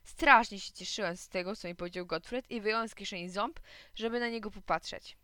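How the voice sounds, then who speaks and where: A woman reads a children's story aloud, telling it in first person as a little boy. Her voice is bright and crisp, with lively storybook expression. The sound is dry and close. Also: medium pitch, fairly quick, dry recording.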